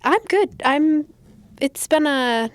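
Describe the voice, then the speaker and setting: A woman's voice: sits high, animated, slow pace. A woman co-hosting a casual podcast in a bubbly, playful way, with some casual swearing. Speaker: podcast co-host.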